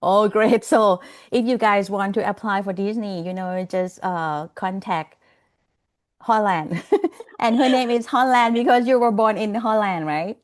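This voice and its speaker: Her voice medium in pitch and a little slow, a woman lectures to an online class on a video call. She laughs a lot, chats freely, and peppers her talk with "okay?" and "you know."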